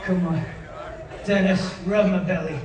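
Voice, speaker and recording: A man's voice: sits high, fairly even intonation, a little slow, crowd noise, voice pushed down. A man playing a playful pet dog that begs for belly rubs, in a wheedling tone, on a theater stage. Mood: begging. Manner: wheedling, begging. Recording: echoey theater from far off, audience.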